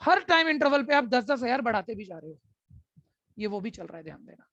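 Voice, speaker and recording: A man's voice: very high voice, very animated, brisk, bright, forceful tone, no room sound. A male commerce teacher explains things in a chatty lecture, repeating his key phrases and calling his students brother. The sound is dry and close, with no room around it. The recording is dull and lo-fi. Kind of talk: classroom lecture.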